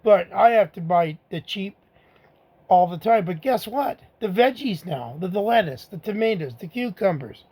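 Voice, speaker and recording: A man's voice: high-pitched, animated, normal speed, darkish tone, slightly rough. A middle-aged man, giving a blunt, angry political rant to the camera, repeating his own rhetorical asides. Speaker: vlogger.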